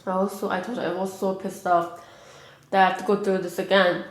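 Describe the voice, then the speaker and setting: A young woman chats casually while eating on camera. She rambles and fills her pauses with 'like' in a mid-range voice. The room around her echoes noticeably. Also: mid-range voice, level tone. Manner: rambling, heavy use of 'like'. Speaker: mukbang vlogger.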